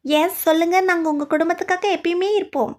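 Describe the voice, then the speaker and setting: A woman voicing drama lines in a fan dub, her voice pitched high. The delivery is brisk and plain. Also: steady tone. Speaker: voice dubber.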